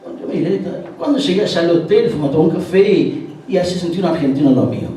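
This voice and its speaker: A guest speaker at a tango event, this man shares stories with the audience in a quick, expressive, warm voice of fairly high pitch. His delivery is full of hesitations, and he performs the dialogue he quotes. The recording is distant, with the event hall's heavy echo and faint background noise.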